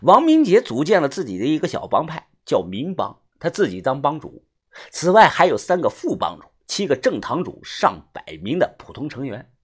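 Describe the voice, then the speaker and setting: A man's voice: fairly high pitch, wildly swooping pitch, moderate pace, slightly rough. A man narrating a novel in the first person, telling the story expressively. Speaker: audiobook narrator.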